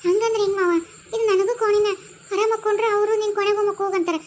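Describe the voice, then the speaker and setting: High fast North Karnataka woman. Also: fairly even intonation, a little mellow, highs cut off. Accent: North Karnataka Kannada. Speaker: cartoon narrator and voice artist. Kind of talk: cartoon voice acting.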